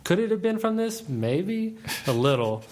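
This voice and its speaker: A man's voice: high voice, sing-song, measured pace, a little mellow. Man telling a sheepish story on a podcast. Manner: tells an embarrassing story with laughs and restarts. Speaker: podcast co-host. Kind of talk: casual storytelling.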